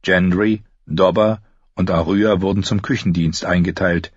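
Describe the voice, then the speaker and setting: A man reading an audiobook as narrator, in a lively, expressive way, in a dry, slightly dull lo-fi recording. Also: low voice, measured pace, husky, no echo. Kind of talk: scripted narration.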